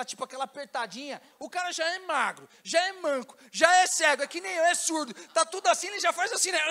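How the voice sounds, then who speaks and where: A São pastor preaching in a very high, bright voice. He tells the story casually and full of slang, acting out each scene as he goes. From Brazil. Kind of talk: sermon. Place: church.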